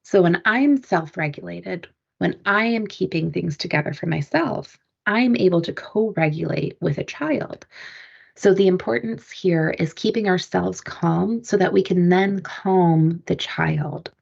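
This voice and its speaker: A woman presents a webinar in a calm, explanatory way, her voice low-pitched with a gravelly, husky edge. The computer mic gives the sound a dull, lo-fi feel. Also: unhurried.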